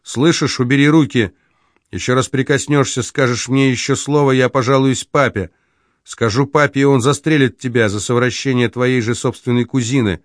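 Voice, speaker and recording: A man's voice: mid-range voice, fairly even intonation, moderate pace, no echo, clean studio sound, natural voice. A man reading an audiobook, voicing a distraught young woman who swings between pleading and bitter scorn. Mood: scornful, threatening. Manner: pleading, then bitter and contemptuous.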